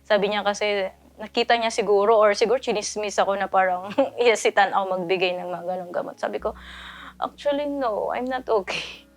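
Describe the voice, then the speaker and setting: A woman's voice: medium pitch, steady tone, fast. A woman nurse from the Philippines, chatting casually to camera, often laughing as she talks. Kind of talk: casual vlog talk.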